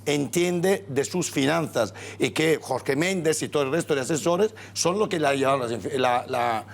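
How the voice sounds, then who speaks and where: A measured, skeptical man arguing his point on a TV studio panel. His voice sits a little high. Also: lively intonation, vocal fry. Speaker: political talk show panelist. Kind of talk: TV debate.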